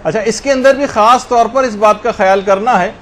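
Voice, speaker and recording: A man giving a religious lesson on correct Quran recitation, pausing now and then to chant verses slowly as examples. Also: high voice, fairly bright tone, a little hiss or hum. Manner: slow chanted demonstrations of verses.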